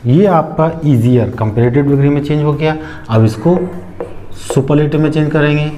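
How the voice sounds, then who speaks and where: A man, an English teacher explaining grammar slowly, step by step, and asking rhetorical questions as he goes. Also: fairly high pitch, warm tone, a little hiss or hum.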